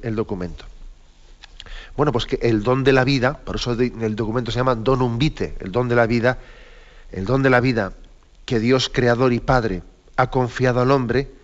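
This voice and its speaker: Measured man lecturing, lo-fi. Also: mid-range voice. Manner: measured, explanatory, many tag questions and restarts. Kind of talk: spoken lecture to a class. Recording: slightly dull lo-fi recording.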